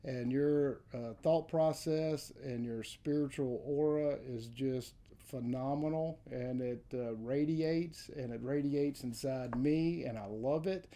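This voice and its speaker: A man's voice: mid-range voice, slow, few pauses, dark tone. A man hosting an interview show, effusive and welcoming toward his guest. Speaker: podcast host. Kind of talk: interview introduction.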